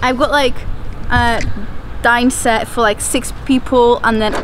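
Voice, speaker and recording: A young woman from Poland chatting excitedly on a road-trip vlog, filmed on a handheld camera at arm's length. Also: a little high, measured pace, a little hiss or hum. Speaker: travel vlogger. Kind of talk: casual travel vlog chat. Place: outdoors and in a campervan. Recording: music playing behind.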